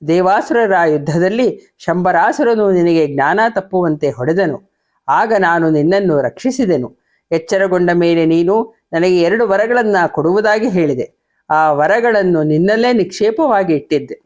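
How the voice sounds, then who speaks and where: A woman reading the lines of a scheming queen who calmly claims two promised boons. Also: lowish voice, normal speed, lightly acted. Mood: demanding. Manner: firm, calculating.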